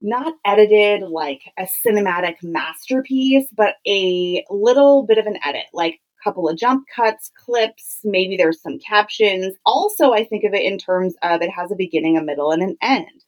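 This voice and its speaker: A woman's voice: medium pitch, expressive, normal speed, hardly any pauses, low-quality recording. A woman hosting a solo podcast, teaching in a conversational, emphatic way and repeating phrases to drive points home. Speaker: podcast host. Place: home clothes closet used as podcast booth.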